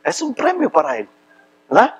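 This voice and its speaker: A man from Rico, preaching a sermon with impassioned, emphatic delivery that rises to loud preaching. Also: high-pitched, wildly swooping pitch, moderate pace, slightly rough, rough recording. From Puerto Rico. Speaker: pastor.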